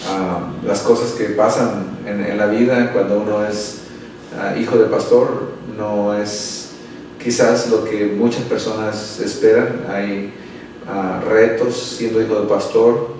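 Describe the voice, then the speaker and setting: A middle-aged pastor from El Salvador gives interview answers and prays, speaking earnestly and without hurry and often tacking on tag questions. His voice is on the low side, slow, a little mellow, with little pitch movement. The room is echoey, he's a bit far from the mic, and there's a little hiss or hum.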